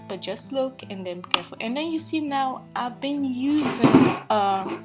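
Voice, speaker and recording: With faint guitar music in the background, a mid-range-voiced beauty vlogger walks through a casual makeup tutorial. She is from Africa, lives in Norway and has an African English accent with Norwegian influence, speaking slowly, hesitantly and self-deprecatingly with lots of fillers.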